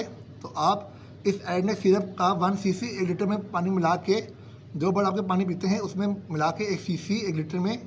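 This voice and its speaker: A man with a sore throat, hosting a bird-keeping channel, calmly explains medicine doses to viewers he calls friends. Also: sits high, slight background noise. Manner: steady, repetitive explaining, addresses viewers as friends. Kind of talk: casual advice talk to viewers.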